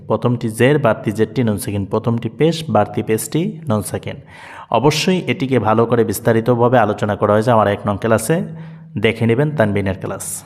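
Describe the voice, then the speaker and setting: A man teaching Quran reading in a spoken lesson, patiently repeating letter sounds slowly and drawn out for his students. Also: medium pitch, darkish tone, long reverb tail.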